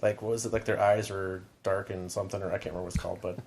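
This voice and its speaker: Against a loud crowd, a podcast co-host who teaches middle school races along in a low, creaky voice with flat delivery, speaking into a podcast microphone. He rambles casually, tossing in asides and frequent "like"s.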